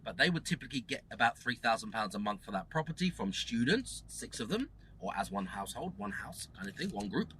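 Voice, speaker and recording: A man hosting his own channel talks through a casual lesson in a bright, forceful voice. His pitch swings widely as he repeats phrases for emphasis and keeps asking the listener whether it makes sense. A faint ambience hums behind him. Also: very animated, fairly quick, a little hiss or hum, low-quality recording. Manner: emphatic, repetitive, rhetorical questions, swears. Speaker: property investor host. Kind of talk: casual teaching monologue to camera.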